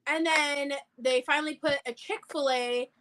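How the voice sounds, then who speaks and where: A woman's voice: sits high, fairly even intonation, normal speed, crowd noise. A young woman chatting casually on a livestream, blunt and opinionated. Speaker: livestream co-host. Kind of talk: casual chat.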